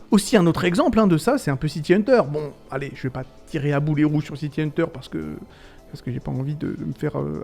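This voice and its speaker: Exasperated French-speaking man ranting. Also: high-pitched. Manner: animated, exasperated, swears freely. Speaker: video essay host. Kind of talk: casual ranting commentary.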